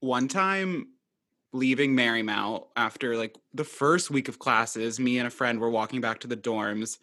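A man's voice: medium pitch, bright, forceful tone. A young man hosting a podcast in a campy, sarcastic, theatrical way. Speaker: podcast host. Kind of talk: casual podcast chat.

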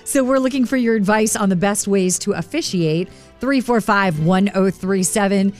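A woman's voice: mid-range voice, normal speed, darkish tone, faint music behind. A woman co-hosting a morning radio show in a casual, conversational style.

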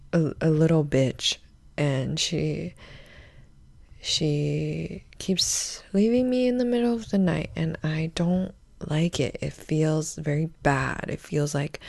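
A young woman hosting a podcast, rambling through a crude, self-mocking comedic monologue in a deadpan way. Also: sits low, creaky, no room sound. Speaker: podcast host.

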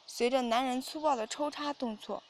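A woman with a high, light voice narrates an audio story at a steady, even reading pace. The narration is measured and continuous, with a faint hiss in the background.

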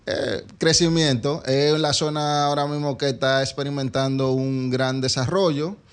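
A man's voice: medium pitch, steady tone, moderate pace, smooth. A man with a Caribbean Spanish accent from the Dominican Republic, speaking conversationally as an interview guest. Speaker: interview guest, advertising company businessman.

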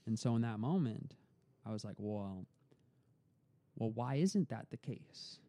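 A man's voice: lowish voice, lively intonation, measured pace, warm tone, no room sound. A young man, a podcast guest, telling his story in an earnest, reflective way, often repeating words as he gathers his thoughts. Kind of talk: storytelling in a casual interview.

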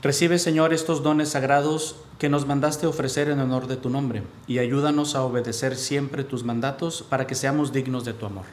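A male priest leading the prayers of a Mass with steady, solemn recitation, his voice carried by the echo of a large church. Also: mid-range voice, normal speed, hardly any pauses. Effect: cathedral echo. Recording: echoey church with faint background hiss.

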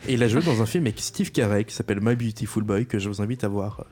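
A young man co-hosting a casual chat show, relaxed and joking. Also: on the low side, fast. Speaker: co-host.

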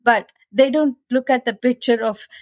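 A middle-aged woman from India, speaking with an Indian English accent, answers questions as an interview guest in an earnest, determined way, thinking aloud and restarting as she goes. Her voice is a little high and darkish in tone, at a moderate pace, with no room sound.

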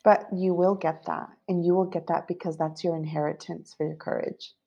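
A woman with a low, gravelly voice speaks in an even, steady tone and sounds sure of herself. She talks with confident, spiritual conviction as a podcast guest. The sound is dull and lo-fi. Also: moderate pace. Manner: confident, assured, spiritual phrasing. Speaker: guest, business coach. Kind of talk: podcast interview.

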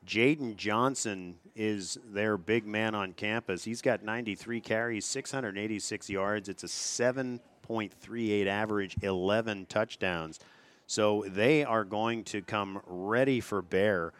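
A man with a lowish voice calls a local high school football broadcast. He reads out names and stats in an even, steady way. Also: measured pace. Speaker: play-by-play announcer. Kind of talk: local sports broadcast commentary.

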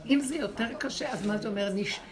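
A woman's voice: fairly high pitch, crowd noise. A middle-aged woman teaching a religious women's class, exhorting and challenging her listeners. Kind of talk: spiritual class with questions from listeners. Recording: noisy room recording.

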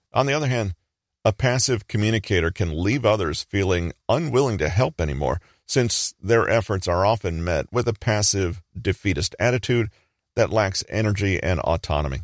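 A man with a very low voice reads scripted educational narration. His delivery is calm and measured, like a steady explainer. The sound is dry and close, with no room around it. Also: no room sound.

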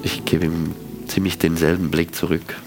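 Low-voiced guy playing his character, hesitant replies, music behind. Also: flat delivery, moderate pace, creaky. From Switzerland. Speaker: player. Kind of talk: playing a character in a tabletop game.

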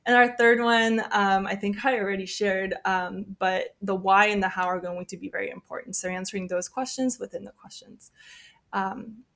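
A woman admissions officer in a podcast interview. She explains things steadily with frequent "um" and "right?", and her voice often trails off softly at the ends of phrases. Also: medium pitch, vocal fry.

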